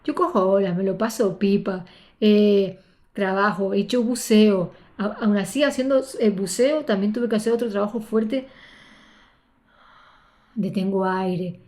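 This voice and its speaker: Expressive Spanish-accented woman coach. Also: medium pitch, measured pace. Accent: Spain Spanish. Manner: expressive, repeats words for emphasis. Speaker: spiritual guide and coach. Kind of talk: motivational storytelling.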